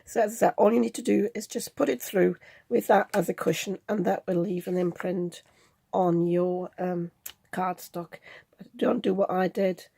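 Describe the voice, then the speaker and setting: Woman, croaky from a cold, very gravelly, dark mellow tone, chatty crafting tutorial, thinks aloud. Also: fairly low pitch, steady tone, moderate pace, dry recording, studio quality. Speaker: card-making channel host. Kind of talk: crafting tutorial, talking through the steps.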